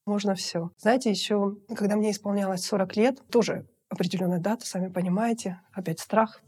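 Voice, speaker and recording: Woman in her 50s, guest on a talk show, chatty and upbeat, husky warm voice. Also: medium pitch, a little fast. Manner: lively, chatty storyteller who laughs easily. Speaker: guest, outsourced finance director. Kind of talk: casual interview talk.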